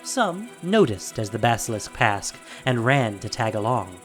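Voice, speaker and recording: A male narrator gives a dramatic, unhurried reading of a scripted fantasy story. His medium-pitched voice has animated intonation, and faint music plays underneath.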